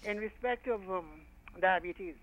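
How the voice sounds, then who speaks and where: An older man calling in to a radio show over a phone line, formal and lavishly flattering as he speaks. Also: high voice, measured pace. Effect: heard over a phone line. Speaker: radio call-in listener. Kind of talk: phone-in chat.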